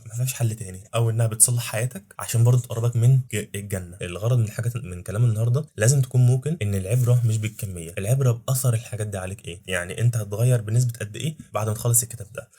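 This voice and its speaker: A man with an Egyptian accent talks at a very fast clip in a dark, husky voice. He is earnest and insistent, hammering his points home by repeating them. It is a motivational religious podcast. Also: medium pitch. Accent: Egyptian Arabic. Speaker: podcast host.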